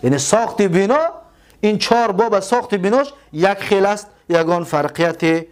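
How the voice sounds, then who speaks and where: A man teaching a grammar lesson, slowly stretching out and repeating each word form. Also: high-pitched. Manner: slow, drawn-out repetition of word forms.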